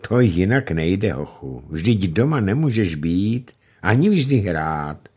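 A man voicing a gentle, wise old grandmother in a storybook, speaking softly and in a measured way. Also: low-pitched, sing-song, breathy edge, exaggerated voice.

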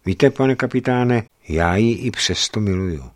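A man's voice: lowish voice, animated, close to an everyday voice. A man voicing a pained young husband. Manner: earnest, pained confession. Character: distraught young husband confessing to a captain.

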